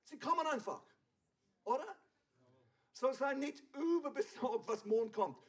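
High-voiced pastor preaching casually. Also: male voice, lively intonation, unhurried, fairly bright tone, slightly rough. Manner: conversational, playful asides with the congregation. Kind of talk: sermon.

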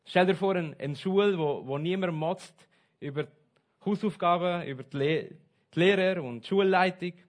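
A man preaching a sermon, switching between soft asides and loud, stressed points. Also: high-pitched, normal speed. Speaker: pastor.

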